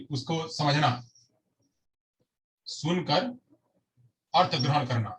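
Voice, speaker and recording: A man with a slightly high voice gives a lecture, circling back over phrases and posing questions he answers himself. He sounds set back from the mic, with a faint hiss underneath. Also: a bit bright. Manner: repetitive, asks and answers his own questions. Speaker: teacher. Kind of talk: explanatory lecture. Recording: distant mic with faint noise.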